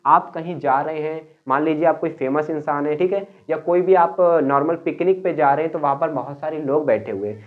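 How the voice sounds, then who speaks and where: A man from Uttar Pradesh, India, giving a spoken English lesson. He explains step by step and slows down to model each phrase. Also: a little high. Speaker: English teacher. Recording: tinny phone-like sound.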